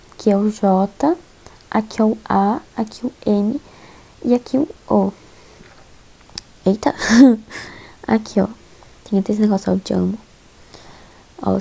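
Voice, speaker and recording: A woman's voice: fairly high pitch, dark tone, poor audio. A young woman from Brazil casually walking viewers through lesson slides, chatty and a bit hesitant, with frequent fillers and giggles. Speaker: host teaching Korean alphabet.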